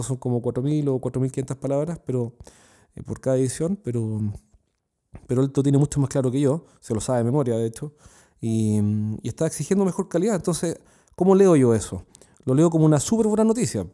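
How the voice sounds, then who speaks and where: Dark-voiced Chilean man hosting a podcast. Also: medium pitch, fast. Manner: chatty, earnest, with frequent fillers and restarts. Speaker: podcast host and sales consultant. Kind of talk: solo podcast monologue.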